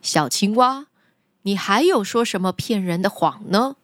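A woman's voice: mid-range voice, expressive, unhurried, no room sound, studio quality, voice pushed down, natural voice. A woman voicing a zebra uncle in a children's story, teasingly stern and mock-threatening. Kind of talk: children's story character acting.

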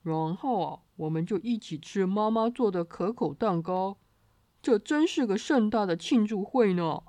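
A gentle, unhurried father rabbit from a storybook, as a woman lowers her voice to play him. He sounds calm and reassuring, in a dry, close reading. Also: dry recording, close to an everyday voice.

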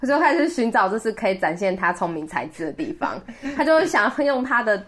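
A woman's voice: mid-range voice, sing-song, fairly quick, fairly bright tone. A woman with a Taiwanese Mandarin accent talks casually as the co-host of a podcast. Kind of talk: casual chat.

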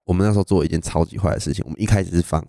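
A young Taiwanese man co-hosting a podcast, rattling off stories at a fast clip. His voice sits fairly low with a mellow, relaxed tone. He laughs easily, and the sound is dry with no room echo. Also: gravelly. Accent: Taiwanese Mandarin. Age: young adult. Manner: animated storyteller, laughs often. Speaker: podcast co-host. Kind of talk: casual storytelling chat.

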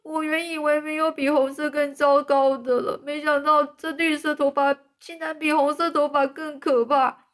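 A dramatic, talkative orphan girl, put on by a woman in a storybook reading, her voice pitched high and emotional. She pleads and tumbles through long runs of words. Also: a little fast, fairly bright tone. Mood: wailing.

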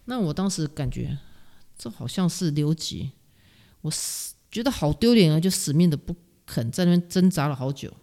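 A middle-aged woman from Taiwan with a Taiwanese Mandarin accent, a music teacher telling stories as a guest in a casual interview, animated and self-mocking, laughing often. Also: low voice, moderate pace.

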